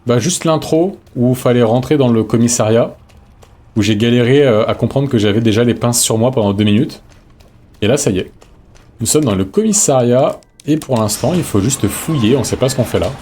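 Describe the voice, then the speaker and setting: A man doing live let's-play commentary in a loose, slangy, chatty way. He talks half to himself and half to his audience. His pitch sits right in the middle for a man. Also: moderate pace, warm tone. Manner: casual slangy chatter, talking to himself and chat. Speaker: streamer.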